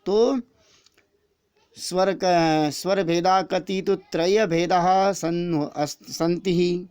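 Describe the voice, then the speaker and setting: A man's voice: sits high, steady tone, very slow, darkish tone, clean tone, no room sound. A man teaching an exam-prep grammar lesson, explaining step by step and repeating each answer after asking the question himself.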